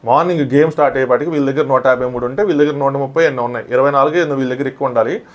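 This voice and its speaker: A man recapping a reality show episode in casual commentary, rushing through events and briefly acting out quoted lines. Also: mid-range voice.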